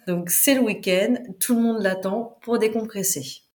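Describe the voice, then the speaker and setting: A woman's voice: medium pitch, a little slow, darkish tone. A woman in casual chat, playfully going through song lyrics with asides.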